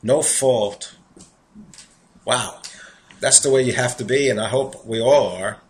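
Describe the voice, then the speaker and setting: An unhurried, mid-range male voice with a New York accent preaches a sermon, reading verses aloud and offering earnest, conversational asides between them. Slight background noise accompanies the low-quality recording.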